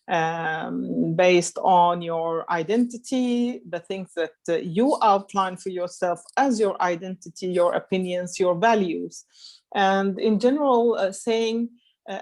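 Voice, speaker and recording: A woman's voice: lowish voice, a little mellow. A woman from Iraq speaking earnestly and emphatically as a panelist on a webinar over a video call. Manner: earnest, emphatic, thinking aloud. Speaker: panelist, member of parliament.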